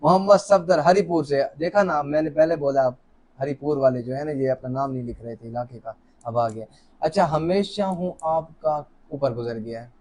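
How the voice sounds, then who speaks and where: Speaking at a moderate pace in a fairly high voice, a man hosts a live lucky draw from an office, sitting alone before a camera. He chats, cracks jokes and warmly welcomes viewers, reading out names in relaxed live-stream fashion.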